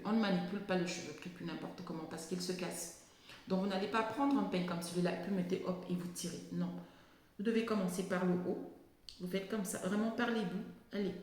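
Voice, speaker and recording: A woman, talking casually and haltingly as she explains and tells anecdotes, often repeating words as she searches. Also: fairly low pitch, darkish tone. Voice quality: lisp on s sounds. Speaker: video blogger on natural hair. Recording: very echoey, reverberant room.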